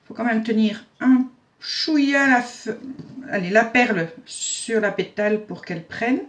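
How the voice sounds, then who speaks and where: A woman's voice: fairly high pitch, unhurried. Chatty woman teaching crafts. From Belgium. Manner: chatty and homely, narrating each step while working, with frequent fillers; self-mocking humor. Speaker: craft tutorial host. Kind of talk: casual step-by-step craft tutorial.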